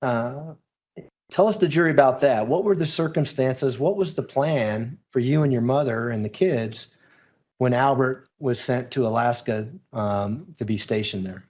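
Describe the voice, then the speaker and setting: A man's voice: mid-range voice, measured pace, a little mellow. A man working as a lawyer questions a witness in a courtroom, putting formal questions step by step.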